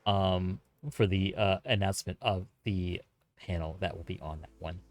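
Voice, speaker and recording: A man's voice: deep voice, steady tone, moderate pace, dry recording, soft background music. A man hosting a podcast, signing off casually, speaking right up close to his microphone at a home streaming setup. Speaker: podcast host. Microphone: close studio mic with pop filter.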